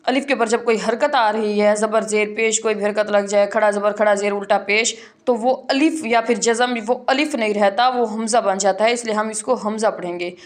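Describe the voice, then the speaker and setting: Here a woman gives an online lesson in Quran reading, speaking at a medium pitch in a steady tone. After explaining the rules, she slowly spells out letters and the drawn-out syllables.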